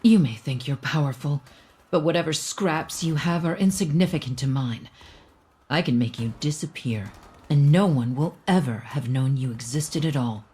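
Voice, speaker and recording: A woman voicing a cold, mocking female captor in an audiobook, speaking with quiet menace. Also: low-pitched, moderate pace, natural voice. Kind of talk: audiobook character voice.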